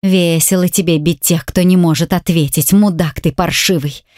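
A woman narrating a first-person audiobook in a tense, measured way. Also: lowish voice, steady tone, darkish tone, no echo, clean studio sound.

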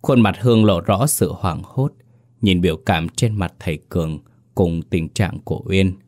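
A man with a very deep voice narrates a ghost story. He reads in a measured, suspenseful way. His low register stays steady throughout. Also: dry recording, studio quality. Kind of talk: scripted horror story narration.

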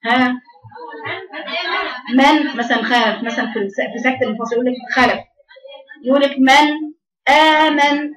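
A woman with an Egyptian accent teaching Quran recitation to a class of girls, correcting them and repeating each sound to demonstrate. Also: a little high. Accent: Egyptian Arabic. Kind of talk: tajweed lesson to a class. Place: classroom with air conditioners. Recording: roomy, distant, dull recording.

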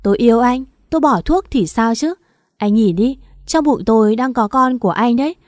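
A woman's voice: fairly high pitch, animated, moderate pace, no echo, clean studio sound, lightly acted. A woman voicing a scheming, brazen pregnant young woman who taunts and laughs scornfully, in a storybook reading. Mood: mocking.

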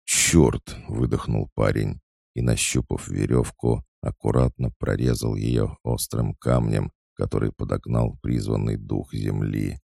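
Male audiobook narrator, steady reading, dark and dry, extremely low. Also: measured pace, vocal fry, breathy edge, no echo.

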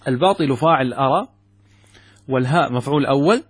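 A man with a Gulf Arabic accent teaches Arabic grammar from a classical text, posing questions and answering them himself while saying example words slowly and with stress. His voice is mid-range and slightly rough.

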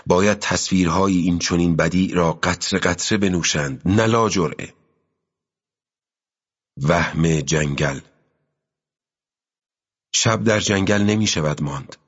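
A man reading a novel aloud as an audiobook narrator, in a slow, measured literary style with pauses. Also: low voice, a bit bright, slightly rough. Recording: dull lo-fi audio with long reverb.

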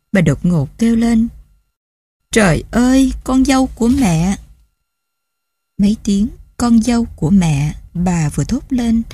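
A woman narrating a novel as an audiobook, in steady, emotive storytelling on a close mic. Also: on the low side, husky, dry recording. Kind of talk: scripted narration.

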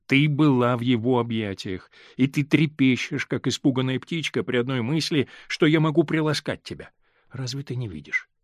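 A male reader voicing a hurt, stern middle-aged husband in an audiobook, speaking in a measured, grave way that holds back pain. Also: medium pitch, dry recording, clean studio sound, natural voice. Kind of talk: audiobook character reading.

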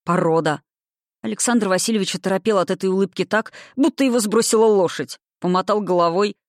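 A reader narrating a historical romance audiobook in a measured, expressive way. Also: medium pitch, dry recording, studio quality.

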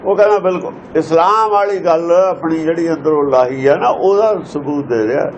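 A man's voice: a little high, moderate pace, a little hiss or hum. A man explaining scripture verses to listeners, emphatic and pressing pointed rhetorical questions. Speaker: scripture teacher. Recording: dull lo-fi recording.

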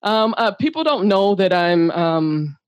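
A woman guest in casual chat, an animated storyteller who acts out quotes, swears freely and laughs often. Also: mid-range voice, measured pace, smooth, no echo.

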